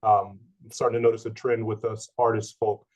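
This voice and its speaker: Slightly hoarse man on a video call. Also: fairly low pitch, a little fast, muffled recording. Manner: relaxed and friendly, easygoing slang. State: slightly hoarse, recovering from a respiratory infection. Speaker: artist, photographer. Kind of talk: casual artist talk.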